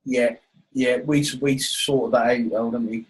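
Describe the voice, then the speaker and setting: A man's voice: medium pitch, steady tone, a little slow, rough recording. A man with a Norfolk, East Anglian accent hosting an informal online coaching session in a matey way. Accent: Norfolk, East Anglian English. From Norfolk, England. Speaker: webinar host and coach. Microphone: online webinar call.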